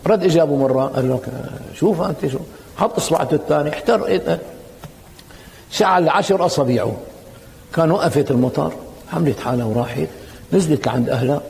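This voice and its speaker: Man preacher, lively storytelling, long reverb. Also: fairly high pitch, fast, creaky, pauses often, a little hiss or hum. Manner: animated, acts out quoted dialogue in storytelling. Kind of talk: colloquial sermon with storytelling.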